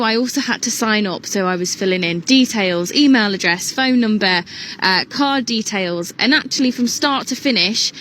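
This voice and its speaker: A woman's voice: medium pitch, a bit bright, a little hiss or hum. A woman with an English accent giving a radio report, walking through a test step by step.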